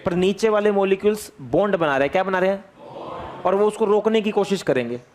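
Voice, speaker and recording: A man's voice: sits high, expressive, quick pace, darkish tone, slight background noise. A man teaching physics to a class. He repeats key phrases, keeps asking his students questions and calls on them by name. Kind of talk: energetic classroom lecture.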